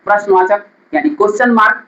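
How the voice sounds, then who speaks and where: A man's voice: high-pitched, fairly even intonation, quick pace, bright, forceful tone, echoey room, lo-fi sound. A male teacher, giving a classroom grammar lesson, repeating definitions and quizzing his students.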